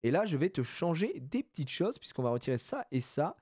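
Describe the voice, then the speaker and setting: A French man streaming and commentating a game, chatting loosely and bursting into shouts of joy. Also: fairly high pitch, a little fast, husky, dry recording, clean studio sound. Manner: excitable, shouts with joy at big pulls; loose casual chat with fillers.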